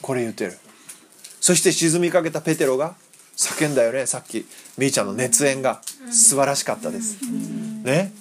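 A man giving a lively Bible lesson, acting out voices and quizzing his listeners. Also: mid-range voice, brisk. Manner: animated, acts out voices, quizzes the audience. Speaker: pastor teaching children.

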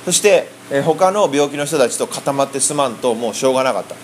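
A man interpreting a sermon in lively, colloquial speech and acting out the quoted voices. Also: medium pitch, quick pace, a little hiss or hum. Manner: animated, acts out quoted voices. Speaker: interpreter for a preacher.

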